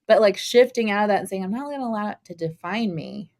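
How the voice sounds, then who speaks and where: A woman's voice: medium pitch, expressive, fast, a little mellow. A woman hosting an interview, talking in a casual, encouraging way with frequent "like". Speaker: host.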